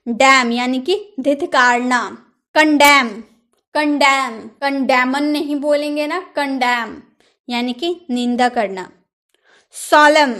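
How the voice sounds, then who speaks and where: High-voiced teacher quizzing viewers. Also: female voice, a bit bright. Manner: drills words, asks the viewer rhetorical questions. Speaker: English teacher. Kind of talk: pronunciation lesson.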